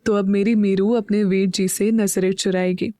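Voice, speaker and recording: A woman playing a protective young man in an audio drama, gentle with his sister but firm when he has to be. The voice is mellow and warm, recorded dry and close. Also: high voice, flat delivery, normal speed, no echo, natural voice. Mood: tender. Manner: gentle and tender, turning firm. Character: young man, protective loving older brother.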